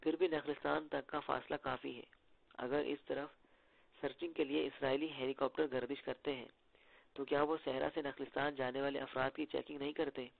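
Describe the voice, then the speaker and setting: Bantering young agent, read by a man with a gravelly edge, through a thin phone-like line. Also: mid-range voice, little pitch movement, normal speed. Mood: joking. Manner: playful, bantering. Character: joking, teasing young male secret agent. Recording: tinny phone-like lo-fi audio.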